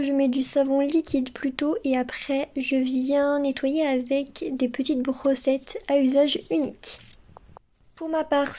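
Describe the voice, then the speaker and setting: A woman giving a soft, gentle, instructional tutorial voice-over as a makeup artist. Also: high-pitched. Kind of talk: scripted tutorial voice-over with soft ASMR touches.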